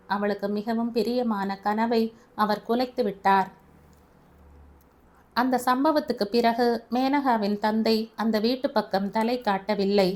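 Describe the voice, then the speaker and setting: A woman narrating a family audio novel in a steady storytelling manner. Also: a little high.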